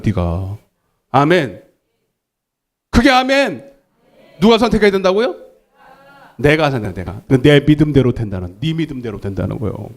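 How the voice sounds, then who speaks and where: A man preaching in a church sanctuary with a fairly high voice. He is emphatic and swings his pitch up and down. He calls out for the congregation's responses. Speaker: pastor. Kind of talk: sermon.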